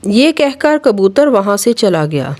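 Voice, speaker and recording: Steady children's storyteller. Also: mid-range voice, measured pace. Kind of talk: bedtime story narration for children.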